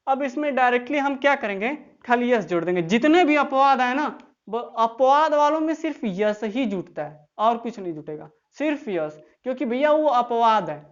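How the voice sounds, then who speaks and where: A woman's voice: fairly high pitch, lively intonation, normal speed, few pauses, highs cut off. A woman teaching English grammar in an online class, explaining step by step and often checking that students follow.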